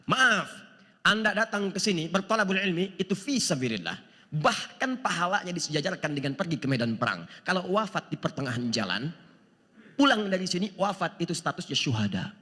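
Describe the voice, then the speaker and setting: Male preacher, high and very lively, bright voice, sermon in a reverberant large hall. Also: brisk. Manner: animated, asks the audience rhetorical questions, chuckles; quotes scripture in Arabic. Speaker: Islamic preacher. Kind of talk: sermon to a live audience.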